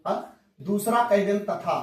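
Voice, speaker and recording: Brief: male math teacher, high voice, folksy question-and-answer style, mic far off. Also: lively intonation, takes it slowly. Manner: folksy, asks the class questions and answers them himself. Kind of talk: classroom math lesson. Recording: echoey room, mic far off.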